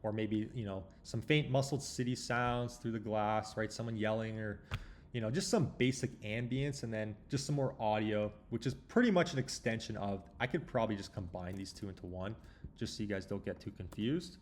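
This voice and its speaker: A man hosts a casual screen walkthrough tutorial, talking informally and explaining things as he thinks aloud. His voice is lowish and his speed normal, with a little hiss or hum in the audio.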